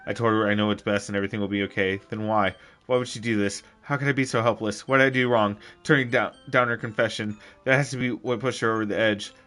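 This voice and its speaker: Young male let's-play host, a bit low and very bright, jokey and rambling, soft game music underneath. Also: steady tone, fast. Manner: loud, jokey, rambling, with bursts of shouting. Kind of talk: game commentary and reading dialogue aloud.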